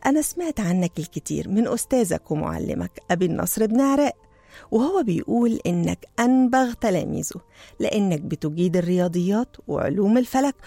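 A woman's voice: mid-range voice, gravelly, warm tone, no echo. Woman voicing a stately, curious sultan. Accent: Egyptian Arabic. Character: gracious, curious male sultan ruling a vast kingdom.

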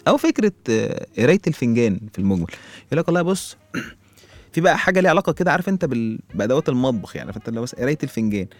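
Egyptian male host, very fast comic monologue, chuckles and rhetorical questions. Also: mid-range voice, sing-song, no room sound. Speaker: radio show host.

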